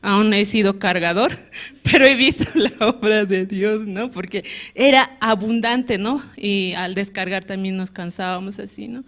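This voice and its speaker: A woman's voice: mid-range voice, fairly even intonation, measured pace, a bit bright. A woman with a Bolivian Spanish accent gives a personal church testimony, retelling frankly and earnestly and tagging nearly every phrase with a questioning "¿no?". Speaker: church member giving testimony.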